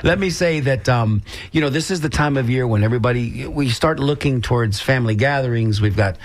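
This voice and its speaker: A man's voice: medium pitch, a little fast. A man in his sixties co-hosts a community radio show. He talks in a folksy, joking manner, trading banter with his partner. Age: 60s. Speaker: radio co-host. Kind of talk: casual community radio chat.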